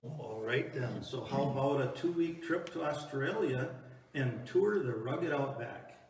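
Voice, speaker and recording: In an echoey room, slightly distant with some noise, a man plays a small-town talk-show host in a comedy skit. He presents in an easygoing, halting way. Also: medium pitch, animated, a little mellow. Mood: agreeable.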